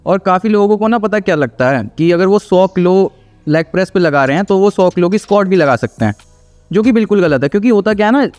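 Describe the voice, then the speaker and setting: Man, high-pitched voice, casual fitness commentary, explanatory and teasing, faint music underneath. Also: a little mellow. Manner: explanatory, teasing, often adds "theek hai" as a tag. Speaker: fitness video reactor and host. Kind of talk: casual commentary reacting to gym clips.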